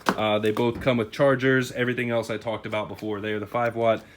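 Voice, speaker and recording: An American YouTube host with a medium-pitched voice talks to camera a little fast and with flat delivery, chatting informally about a product review and a giveaway. The background noise is clearly audible.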